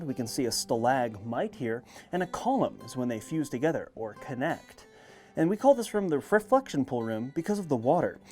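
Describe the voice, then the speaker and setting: A man's voice: on the high side, a little mellow. A man working as a cave tour guide, narrating a guided tour on location and explaining the sights as he moves along. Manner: explanatory, presenting sights on the move. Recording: music behind the voice.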